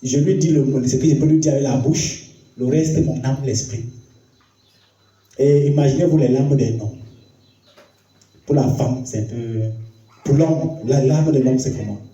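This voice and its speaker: A man preaching as a pastor, telling a story in a sermon, his voice dropping low and hushed, then climbing high and excited. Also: unhurried, pauses often, highs cut off. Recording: roomy hall, voice from far off the mic.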